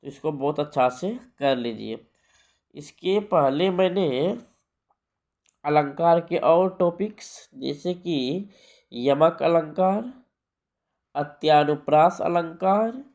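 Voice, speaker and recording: A man's voice: a little high, expressive, takes it slowly, pauses often, a little mellow, muffled recording. A man teaching a grammar lesson for an exam, repeating key points and asking rhetorical questions.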